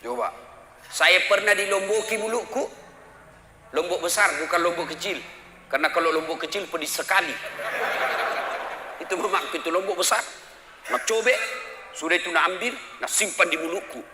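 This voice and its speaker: A man preaching a sermon, animated, acting out mothers and children in raised voices. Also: fairly high pitch, background noise. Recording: echoey hall with faint ambience.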